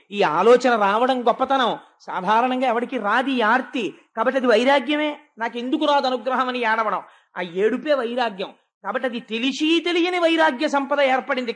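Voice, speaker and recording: A man giving a devotional sermon, telling a sacred story and swinging from hushed tones to emphatic ones, slowing down for stress. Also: extremely high pitch. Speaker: devotional discourse speaker.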